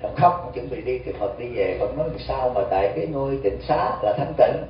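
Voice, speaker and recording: A man's voice: medium pitch, animated, brisk, a little hiss or hum. A Buddhist monk gives a dharma talk, tells stories and keeps asking his audience questions. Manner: storytelling, asks the audience questions. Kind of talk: sermon. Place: community center hall. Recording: distant, dull, echoey hall recording.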